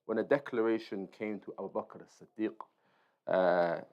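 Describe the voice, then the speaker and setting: A man leads an informal Islamic lesson, reading aloud and explaining as he goes while checking in with listeners through short tags. His voice is lowish and darkish, with a steady tone at normal speed. The recording is dull and lo-fi.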